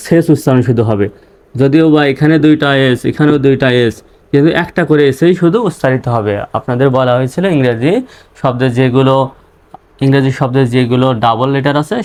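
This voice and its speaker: A man's voice: mid-range voice, a little fast, darkish tone. Bengali man spelling English words aloud. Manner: spells words letter by letter, then sounds them out. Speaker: English teacher. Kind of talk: spelling-out reading lesson.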